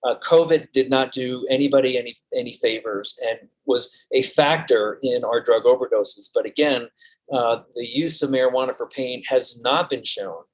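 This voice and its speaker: Male physician guest, mid-pitched voice, steady and methodical. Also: moderate pace, poor audio. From Colorado. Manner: steady, lists figures methodically. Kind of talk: interview.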